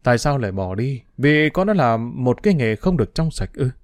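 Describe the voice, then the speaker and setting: A man voicing a kind old innkeeper who speaks softly and gently, like a father, in an audiobook. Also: mid-range voice, very animated, fairly quick, no echo, clean studio sound, close to an everyday voice. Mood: gentle. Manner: soft, gentle speech.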